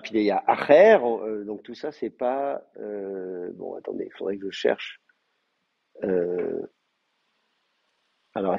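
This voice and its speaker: Creaky and slightly breathy, this man's low-leaning voice guides a language class step by step. He reasons aloud, pausing and filling gaps often, and the recording is a muffled, lo-fi capture of the class.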